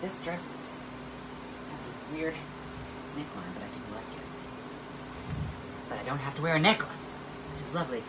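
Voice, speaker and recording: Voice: mid-range voice, lively intonation, moderate pace, long pauses, recorded from a distance. A drag performer and show host chatting casually backstage in a campy, theatrical way. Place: backstage dressing room. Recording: noisy room with background ambience.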